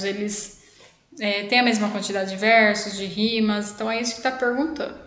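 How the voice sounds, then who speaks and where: A woman's voice: fairly high pitch, fairly bright tone, reverberant. A woman teacher giving a recorded video lesson, talking in a chatty way with lots of tag questions to her students.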